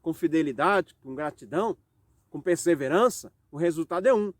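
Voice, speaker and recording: A man with a Brazilian Portuguese accent preaching a home worship sermon, reading scripture slowly and posing rhetorical questions. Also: a little high, lively intonation, no echo, clean studio sound.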